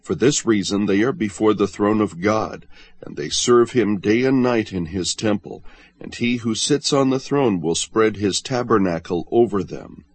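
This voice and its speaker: A man giving a measured, solemn scripted reading of scripture. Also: lowish voice, husky, dry recording. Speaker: audiobook reader.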